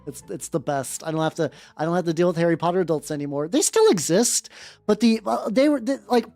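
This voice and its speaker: With lively intonation and a quick pace, a mellow mid-range voice belongs to a VTuber who chats on stream and performs fan fiction aloud, sardonic, theatrical and rambling. The close, dry mic leaves no room sound, and faint music runs underneath.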